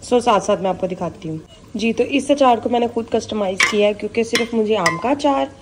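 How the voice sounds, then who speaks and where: A hoarse woman with a sore throat, chatting casually through a cooking vlog in her home kitchen, filming on a handheld phone. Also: a little high, brisk, a little hiss or hum, low-quality recording. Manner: chatty, often adds a polite "okay ji". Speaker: vlogger.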